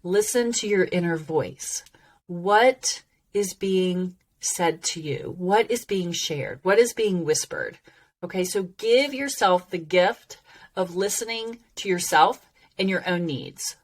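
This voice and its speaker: A woman teaching informally like a self-help coach, emphatic and encouraging, with long, drawn-out sibilant s sounds and frequent check-ins. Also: on the low side.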